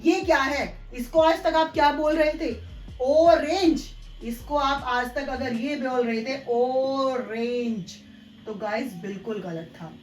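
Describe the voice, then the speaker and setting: High-voiced woman teaching English pronunciation. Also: roomy sound, soft background music, low-quality recording. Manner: spells words letter by letter and repeats them slowly; corrective, addresses viewers as guys. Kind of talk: spoken English pronunciation lesson.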